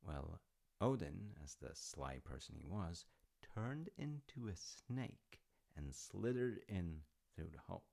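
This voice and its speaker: With a dark, gravelly, low voice that rises and falls in a sing-song way, a man slowly acts out a proud, loving dad in exaggerated fashion. It's an intimate, rambling storytelling roleplay, full of musing, conversational asides that come out hesitantly. The feeling is fond and musing.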